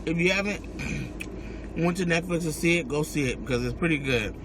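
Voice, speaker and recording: A man's voice: a little high, quick pace, background noise. An American man talking casually to his viewers as he eats, chewing between and during his words. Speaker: mukbang vlogger. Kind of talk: casual chat to viewers while eating.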